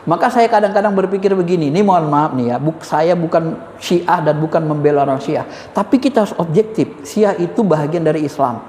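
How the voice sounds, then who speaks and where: A man giving an informal Islamic spiritual lecture, emphatic and animated, repeating key words and addressing his listeners directly. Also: a little high, brisk, slight background noise. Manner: addresses listeners as "Pak", chuckles. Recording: echoey hall with faint ambience.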